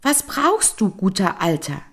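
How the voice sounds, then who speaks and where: A woman voicing a kind magical golden fish who gently reassures an old man in a fairy-tale reading. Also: medium pitch, sing-song, unhurried, gravelly, slightly rough, voice pushed up, full character voice. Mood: soothing.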